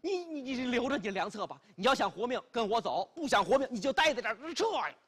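A male storyteller plays an agitated duke of old in a traditional storytelling tale. The voice is high and husky, sputtering with indignation and stammering as it swings sharply up and down. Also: big pitch swings, quick pace, a bit bright, full character voice. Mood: scornful, angry.

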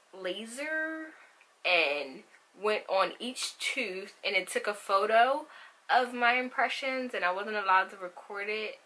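Young female vlogger with braces, bright forward voice, unhurried pace, chatty personal storytelling. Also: medium pitch. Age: young adult. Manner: chatty, animated, rambling with asides; speaks with braces on her teeth. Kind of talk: casual personal vlog. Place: small room at home.

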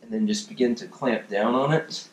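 A man's voice: mid-range voice, moderate pace. Man demonstrating a DIY project in an echoey home gym. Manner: relaxed instructional, many fillers and restarts; working with his hands while talking. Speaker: fitness coach. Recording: echoey room.

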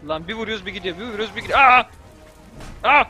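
Excitable young man yelling at a game. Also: sits high, very fast, faint music behind. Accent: Turkish. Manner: yelling and cursing at the game, exasperated. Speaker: gameplay commentator. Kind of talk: let's-play commentary.

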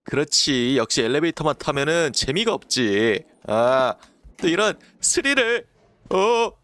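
A man's voice: a little high, big pitch swings, unhurried, fairly bright tone, no room sound. A man streaming a horror game, jumpy and talking to himself and the screen, reading the game text aloud. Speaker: gaming streamer. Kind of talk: horror game let's-play commentary.

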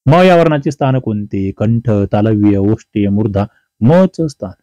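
A male teacher giving an exam-prep grammar lesson, fast, chatty and teasing. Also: fairly low pitch, lively intonation, dark tone, no echo. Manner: fast, chatty and teasing, calls students brother and sister.

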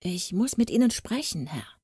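A woman voicing an old male boatswain, loyal and secretive, speaking in a hurried, lively way in a storybook reading. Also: mid-range voice, husky, dry recording, clean studio sound, pitched above the performer's own voice. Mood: urgent.

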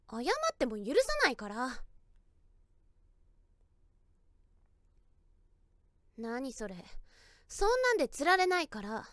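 A woman's voice: high-pitched, dry recording, studio quality. A woman playing a tsundere teenage girlfriend in a situation voice drama, snappy and pouting on the surface and shyly affectionate underneath. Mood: huffy. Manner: tsundere: snappy, pouting scolding that slips into shy softness. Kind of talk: Japanese situation voice drama, addressed to the listener.

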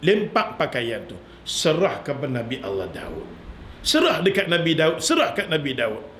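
A man voicing a stern risen prophet who admonishes a king, in a lower, grave tone. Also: wildly swooping pitch, normal speed, a bit bright, echoey room, slight background noise.

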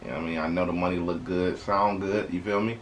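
A young American man with a fairly low voice gives casual reaction commentary from a bedroom. He talks in conversational slang and repeats lines for emphasis, over clearly audible background noise. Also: steady tone, quick pace. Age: young adult. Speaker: reaction video host. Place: small bedroom indoors. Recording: clear background noise, home webcam recording.

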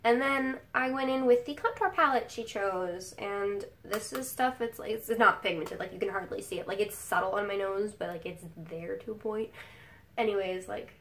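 A mid-range, slightly bright female voice at a moderate pace, with slight background noise. The speaker is a young beauty vlogger with a nasal, under-the-weather voice, doing her makeup in her bedroom and rambling casually, heavy on the fillers.

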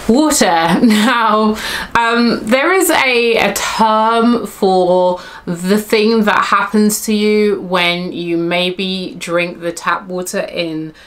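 A woman from Britain with a British accent, giving casual travel tips to camera in a chatty, animated way with many fillers and restarts. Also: on the low side. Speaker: travel vlogger.

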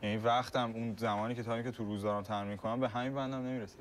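A man's voice: medium pitch, steady tone, a little hiss or hum, close to an everyday voice. A man playing an easygoing young musician. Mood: casual.

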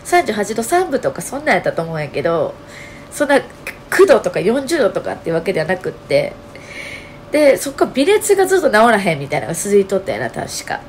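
She talks fast, a Kansai-accented vlog host whose medium-pitched voice sounds hoarse, nasal and strained. Chatty and animated, she fills her solo storytelling with fillers, with slight hiss or hum in the recording.

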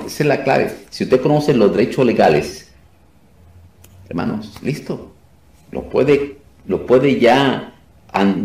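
A man's voice: medium pitch, gravelly, darkish tone. A man teaching an informal class on deliverance ministry. He repeats himself and keeps asking "ok?" to check on his listeners. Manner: repetitive, restarts often, asks "ok?" to check. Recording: echoey room, voice from a distance.

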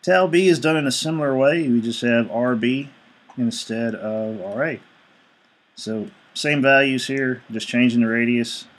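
A man recording a screencast lecture on a desktop mic, talking through calculations one step at a time. His voice sits at an ordinary middle pitch, and he reads figures aloud in a steady, matter-of-fact way. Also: a little slow. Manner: steady step-by-step explaining, reading out numbers. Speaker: engineering instructor.

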